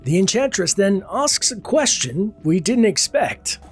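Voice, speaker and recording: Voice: mid-range voice, very animated, unhurried, breathy edge. Scripted game-story narrator with faint music. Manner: formal storytelling in first person plural.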